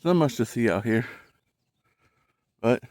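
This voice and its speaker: A man's voice: mid-range voice, animated, darkish tone. A man with audible heavy breathing, rambling casually to viewers as he films a vlog outdoors on his phone. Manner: unhurried, murmured remarks while walking around. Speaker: vlogger. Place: outdoors in a yard with cicadas. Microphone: handheld phone. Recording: outdoor phone recording, faint ambient noise. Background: faint outdoor ambience, cicadas.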